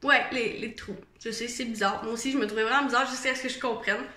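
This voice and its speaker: A young woman with a Quebec French accent, chatting casually to camera with lots of fillers and animated asides. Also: fairly high pitch, fast. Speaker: vlogger. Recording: echoey room.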